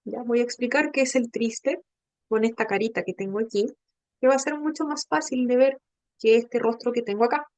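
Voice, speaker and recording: Woman, teacher, patient explaining, fairly high voice, frequent check-in questions. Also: moderate pace, a little mellow, no room sound, highs cut off. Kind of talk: online training class.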